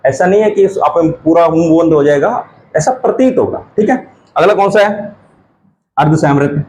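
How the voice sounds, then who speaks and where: A male teacher gives an exam-prep grammar lesson, asking questions and answering them himself while repeating key terms slowly. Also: on the high side, animated, a little mellow, slight background noise, low-quality recording.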